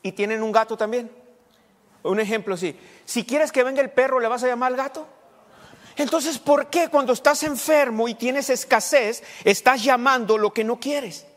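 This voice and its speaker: A man's voice: very high voice, moderate pace, fairly bright tone. Man, pastor, folksy conversational sermon, repeats himself, church hall reverb. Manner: folksy, repeats words, asks the congregation questions.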